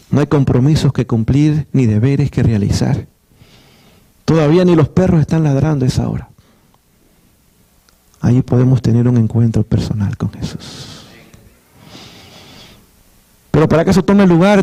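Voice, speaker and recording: Mellow-voiced pastor preaching a sermon. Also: male voice, medium pitch, moderate pace, pauses often. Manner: earnest, repeats phrases, restarts words.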